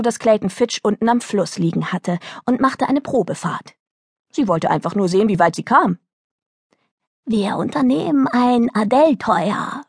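A woman narrating a children's book in a lively storytelling manner, recorded close to a studio mic. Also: medium pitch, dry recording. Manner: lively storytelling, voicing characters. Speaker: audiobook narrator.

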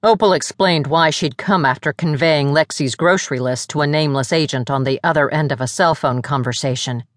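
A woman's voice: low voice, brisk, hardly any pauses, no echo, studio quality, voice pushed down, close to an everyday voice. A woman narrator voicing a reserved, protective demon man narrating reflectively.

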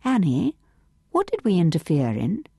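A woman reading an audiobook voices a confident, sophisticated young woman who speaks briskly. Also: fairly low pitch, huge pitch swings, dark tone, husky, no echo, clean studio sound, full character voice. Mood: self-assured. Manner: brisk, self-assured.

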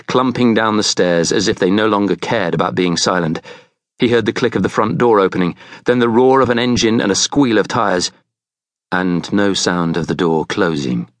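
A man narrating a thriller audiobook in a measured, tense storytelling manner. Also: lowish voice, no room sound.

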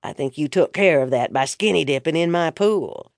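A woman's voice: sits low, normal speed, a little mellow, no room sound, studio quality. A woman narrator voicing an embarrassed, exasperated young man talking about his mother. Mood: sheepish exasperated. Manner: sheepish, exasperated.

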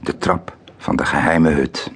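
A man narrating a children's audiobook in an expressive way, dropping to a whisper at tense moments. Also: a bass voice, unhurried, breathy edge. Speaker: storyteller.

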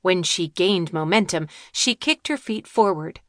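A woman narrating a children's audiobook with slow, clear storytelling. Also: fairly low pitch, lively intonation, no room sound, studio quality. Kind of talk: scripted narration of a children's book.

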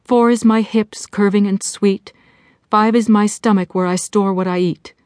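A woman's voice: mid-range voice, steady tone, moderate pace, a little mellow, smooth, dry recording, studio quality, lightly acted. A woman voicing a frightened, meek wife who speaks in a trembling, childish way. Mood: chanting.

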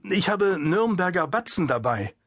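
A man voicing a composed, polite ventriloquist who speaks in a measured, guarded way. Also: high-pitched, very animated, a bit bright, dry recording, clean studio sound, voice pushed up, exaggerated voice.

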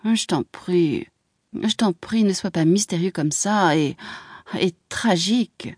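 A woman's voice: lowish voice, darkish tone, husky, no echo, studio quality, voice pushed up. A woman voicing a pleading young wife. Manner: quick, breathless pleading. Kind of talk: audiobook character voice.

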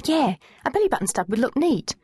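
A woman's voice: high-pitched, sing-song, fairly quick, a little mellow, slightly rough, dry recording, pitched above the performer's own voice, exaggerated voice. A woman narrator voicing a squeamish, dramatic teenage girl who protests and pleads in a whiny manner. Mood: breezy.

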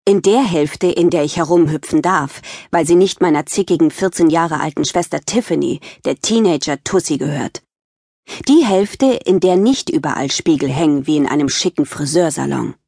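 A woman narrating a children's audiobook in the first person, with lively, expressive storytelling. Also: sits low, normal speed, no echo, clean studio sound.

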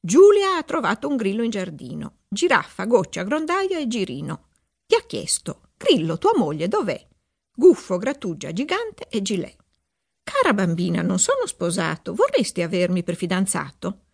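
A woman's voice: medium pitch, huge pitch swings, moderate pace, gravelly, slightly rough, full character voice. A woman voicing an obedient young lady-in-waiting who recites a silly poem in a sing-song rhythm. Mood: reciting.

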